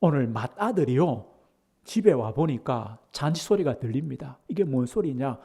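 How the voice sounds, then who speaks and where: Man preaching, mellow voice, lively pitch, hushed whispers then loud questions. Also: husky. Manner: dramatic, swings from hushed near-whispers to loud emphatic questions; slow, measured scripture reading. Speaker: pastor. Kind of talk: sermon.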